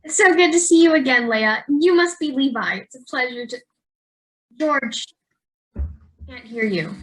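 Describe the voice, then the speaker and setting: A woman's voice: high-pitched, lively intonation, a little slow, a bit bright, heavily acted, rough recording. An actress playing a prim, polite mother who keeps correcting her husband. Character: prim, proper middle-aged mother. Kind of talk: amateur comedy sketch acting.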